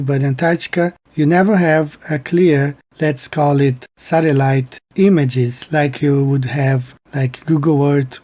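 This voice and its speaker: A man with a mellow, dark-toned voice hosts his own channel. He speaks in a rambling, conversational way, with phrases trailing and restarting. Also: mid-range voice. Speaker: channel host. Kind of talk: casual commentary.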